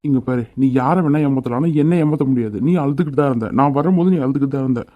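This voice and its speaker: A man's voice: mid-range voice, rapid-fire, warm tone, close to an everyday voice. A man voicing a caring young house owner in a cartoon, who keeps pressing for the truth. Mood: coaxing. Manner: insistent, coaxing questions. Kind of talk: cartoon dubbing. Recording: dry, phone-like sound.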